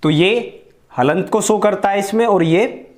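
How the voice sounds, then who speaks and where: Higher-pitched man teaching, repeating himself. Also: darkish tone. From India. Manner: explains slowly, repeats key words, asks and answers his own questions. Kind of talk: Hindi grammar lesson.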